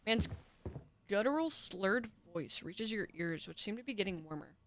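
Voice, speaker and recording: At a moderate pace, the streamer reads game text aloud with drama, her medium-pitched voice animated and a bit bright. She pauses for casual chat with viewers, and faint music plus slight background noise can be heard.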